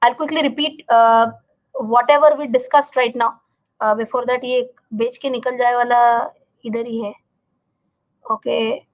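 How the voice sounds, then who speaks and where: A woman's voice: a little high, fairly even intonation, normal speed, highs cut off. A woman with an Indian accent explaining informally on a live stream like a teacher, repeating words for emphasis and checking that listeners follow. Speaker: finance educator hosting a live market explainer.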